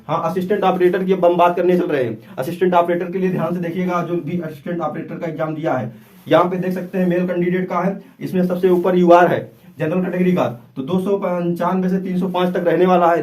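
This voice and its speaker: An exam-prep YouTube presenter with a high-sitting, darkish, steady voice speaks a little fast as he gives viewers an informal, instructive explanation. He often repeats himself and urges them to pay attention.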